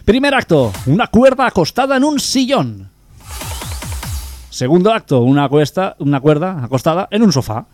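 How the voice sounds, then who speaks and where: A man's voice: a little high, sing-song, normal speed, a little mellow, faint music behind. A young man co-hosting a community radio humor show, telling jokes and quizzing his co-hosts playfully.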